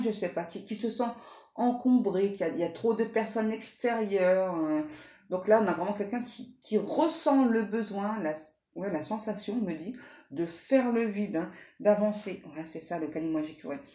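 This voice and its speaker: A woman's voice: medium pitch, normal speed, dark tone, echoey room. A woman doing a casual tarot card reading, talking in a chatty way full of fillers and restarts.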